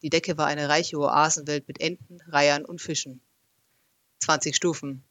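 A man reads a first-person adventure story in audiobook style, lively and expressive, at normal speed. His voice is fairly high for a man, and the recording is close and dry with no room sound.

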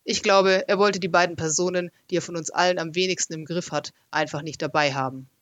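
A man narrates a first-person adventure story like an audiobook, telling it in a lively and expressive way. His voice is fairly high for a man. The recording is close and dry, with no room sound. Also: brisk, no echo, lo-fi sound.

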